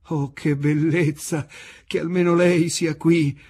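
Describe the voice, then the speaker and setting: A man doing a shrill, toothless old waiter. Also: level tone, slow, a little mellow, husky, full character voice. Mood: overjoyed. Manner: shrill, squealing exclamations. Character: toothless old male waiter in his seventies, fawning and overjoyed.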